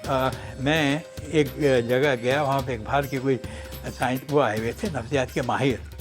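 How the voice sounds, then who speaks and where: A man's voice: medium pitch, steady tone, music in the background. A man hosting a radio show, telling funny anecdotes in a chatty, joking way and acting out the quotes. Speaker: radio host. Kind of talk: humorous radio storytelling.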